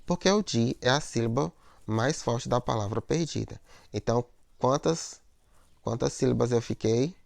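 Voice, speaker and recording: A man with a gravelly, mid-pitched voice teaches a lesson on poetic meter. He explains patiently, repeats himself and keeps checking in with his listeners. The recording is dry and close. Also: moderate pace, darkish tone, no echo. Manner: explanatory, repeats words, frequent "né?" and "ó".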